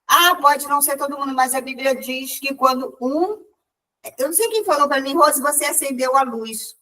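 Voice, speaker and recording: A woman's voice: high voice, moderate pace, sharp tone, far from the mic, rough recording. A woman sharing a spiritual testimony at a group meeting, telling it with many restarts and quoted dialogue.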